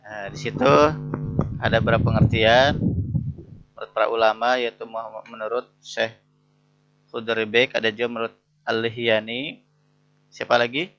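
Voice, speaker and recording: A male lecturer runs an interactive class, reading Arabic phrases slowly and explaining each one. His voice is bright with a gravelly edge. The audio is dull and lo-fi, as from an online class. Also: mid-range voice, little pitch movement. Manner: reads Arabic phrases slowly, then explains each one, keeps asking "betul tidak?". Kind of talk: interactive lesson.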